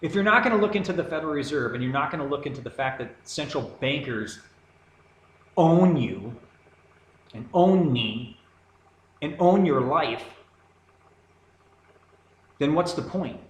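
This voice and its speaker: A man's voice: on the high side, lively intonation, measured pace, long pauses. A man delivering a heated, rambling monologue to camera, sarcastic and insistent. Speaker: video commentator. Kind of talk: ranting monologue. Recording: echoey room with faint background noise.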